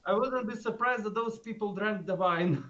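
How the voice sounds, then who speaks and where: A man's voice: high voice, normal speed, bright, forceful tone. A man playing a tabletop game over voice chat, dry and matter-of-fact. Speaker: player. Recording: dull lo-fi mic with faint hiss.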